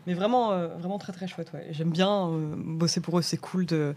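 A woman's voice: on the low side, fairly even intonation, moderate pace, darkish tone. A woman from France talking casually as a guest on a chat show, laughing often and trailing off with fillers.

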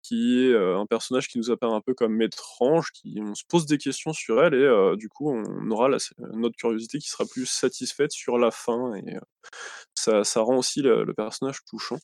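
A man's voice: mid-range voice, normal speed, darkish tone. A man with a mid-range voice talks casually on a podcast. He rambles, fills the gaps with hesitations and corrects himself as he goes. The sound is dry and close, with no room echo. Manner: rambling, many fillers and self-corrections. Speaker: podcast co-host presenting a film.

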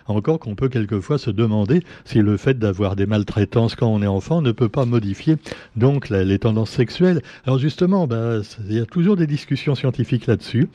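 A man's voice: medium pitch, fairly quick, mellow, dry recording. A man hosting a casual press review, chatty and sarcastic, with many fillers and asides. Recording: dull lo-fi sound.

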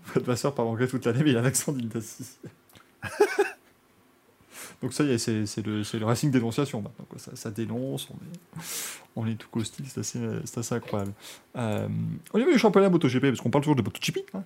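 A man's voice: mid-range voice, expressive, fast talker, a little mellow, husky. A man hosting a motorsport podcast, chatting casually and joking, rambling with frequent restarts. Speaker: podcast host.

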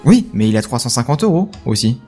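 A man co-hosting a casual tech podcast, calm and matter-of-fact, holding to his view. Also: mid-range voice, brisk, faint music behind. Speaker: podcast co-host.

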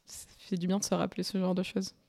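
A woman's voice: fairly low pitch, completely flat delivery, quick pace, creaky, warm tone. A woman panelist who talks in a hesitant, self-deprecating way and laughs often during a casual discussion.

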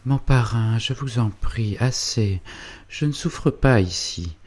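A man voicing a gentle, pleading young girl in a read-aloud novel. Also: medium pitch, takes it slowly, pitched above the performer's own voice.

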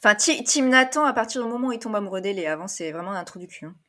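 A woman's voice: medium pitch, lively intonation, racing, over a noisy crowd. Woman sharing trivia in casual chat. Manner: informative, leads the discussion. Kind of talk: casual chat with presented facts.

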